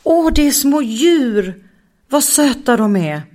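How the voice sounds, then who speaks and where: A woman voicing a frightened little girl close to tears in a children's story, speaking high and panicky. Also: level tone, close to an everyday voice. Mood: delighted.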